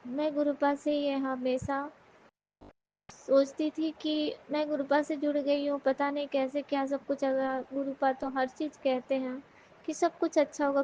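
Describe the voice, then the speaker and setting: A woman speaks in a high, narrow-ranged voice, sharing an earnest devotional testimony. She keeps turning to address her listeners directly. The recording is dull and lo-fi, with a faint hiss underneath. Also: mellow.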